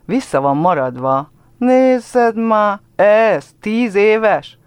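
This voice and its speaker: A man reading a story, putting on a group of cruel young village girls who jeer in shrill voices. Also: clean tone, no room sound, natural voice. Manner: jeering, shrill.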